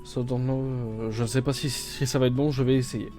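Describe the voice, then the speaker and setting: A man's voice: mid-range voice, steady tone, brisk, warm tone, faint music behind. A man playing a video game on stream, thinking aloud with many fillers and restarts, reading game text out and translating it. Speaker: gaming streamer. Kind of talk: casual let's-play commentary.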